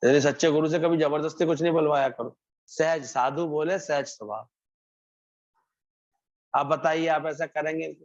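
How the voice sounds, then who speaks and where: A man's voice: fairly high pitch, steady tone, normal speed, pauses often. A man giving a devotional sermon, telling a parable and repeating phrases for emphasis. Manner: storytelling, acts out characters' lines, repeats phrases. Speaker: satsang preacher. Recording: muffled lo-fi recording.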